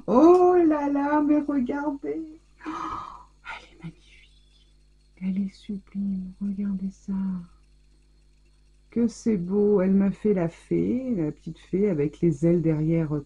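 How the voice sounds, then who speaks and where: A woman's voice: mid-range voice, dark tone, husky, highs cut off. A woman hosting a casual scrapbooking vlog, effusively gushing over the handmade gifts she unwraps. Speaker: scrapbooking channel host. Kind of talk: casual mail-opening vlog.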